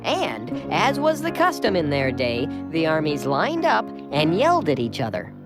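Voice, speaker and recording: A narrator telling a cartoon Bible story in a gentle, explanatory way, over music. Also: mid-range voice, huge pitch swings, moderate pace.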